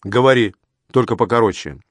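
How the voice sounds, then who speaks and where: A man's voice: medium pitch, a little fast, no room sound, clean studio sound, close to an everyday voice. Man voicing a curt, contemptuous ancient king. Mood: irritated. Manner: curt, clipped, irritated muttering. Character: irritable, contemptuous male king, ancient ruler. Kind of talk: audiobook character reading.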